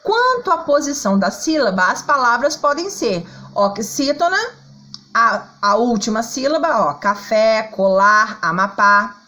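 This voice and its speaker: A woman's voice: a little high, lively intonation, measured pace, sharp tone, poor audio. A woman teacher with a Brazilian accent, patiently explaining a lesson to schoolchildren and singing out syllables to show the stress. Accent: Brazilian Portuguese. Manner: checks in often with "tá?" and "ó".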